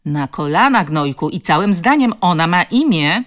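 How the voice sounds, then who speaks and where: Gruff tough woman, played by the female reader, low, guttural, commanding. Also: animated, normal speed, a little mellow. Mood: scolding. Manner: booming, guttural, scolding. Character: tough rough-spoken woman defending a child.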